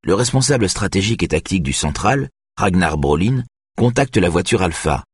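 Brief: male audiobook narrator, low and husky, steady measured read. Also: no room sound, studio quality. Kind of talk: audiobook reading of a thriller.

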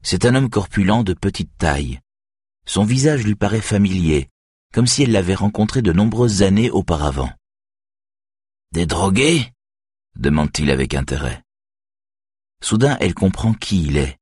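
A man reading an audiobook in measured, even scripted narration. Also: sits low, slightly rough, dry recording, studio quality.

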